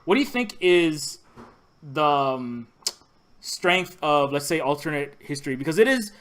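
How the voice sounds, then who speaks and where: A podcast host from Hawaii talks in a loose, rambling way, circling back and restarting his sentences often. His voice sits a little high for a man. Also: animated, fairly bright tone. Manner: rambling, halting, many restarts. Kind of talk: casual podcast chat.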